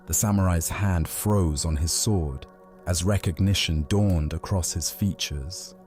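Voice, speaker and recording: A man narrating a slow, calming bedtime story in a soft, measured, reflective way. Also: sits low, soft background music.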